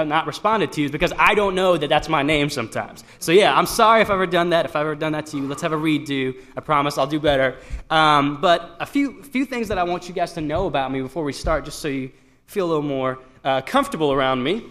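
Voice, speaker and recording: A young man from Iran gives a devotional talk to a youth crowd in a casual, self-deprecating way. His voice sits a touch high, and he keeps restarting his sentences with fillers. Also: fairly bright tone. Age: young adult. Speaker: student speaker at a youth gathering.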